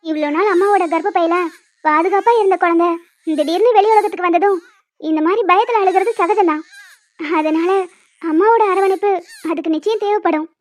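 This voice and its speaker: A woman voicing a calm, experienced woman in a cartoon who explains things briskly and plainly. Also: extremely high pitch. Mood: matter-of-fact. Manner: brisk, matter-of-fact explaining. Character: calm experienced woman sent to feed the baby. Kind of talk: cartoon voice acting.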